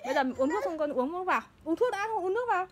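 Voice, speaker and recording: A woman's voice: very high voice, animated, rapid-fire, a little hiss or hum. A mother at home, urging and scolding her child again and again to hurry. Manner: urgent, repetitive coaxing and scolding. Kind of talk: home video, coaxing a child. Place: home, indoors.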